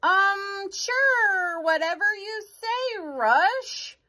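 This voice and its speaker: Lady doing super high exasperated sensible pal in a kids skit, swoopy voice, incredulous. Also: animated, very slow, bright, forceful tone, exaggerated voice. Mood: doubtful. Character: exasperated, sensible friend of a reckless daredevil. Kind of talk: scripted children's comedy skit.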